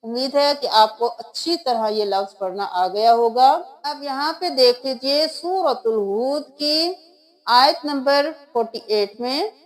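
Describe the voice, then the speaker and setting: A woman's voice: high-pitched, rough recording. A woman teaching Quran recitation step by step, spelling out letters and sounds one by one. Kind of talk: step-by-step tajweed lesson.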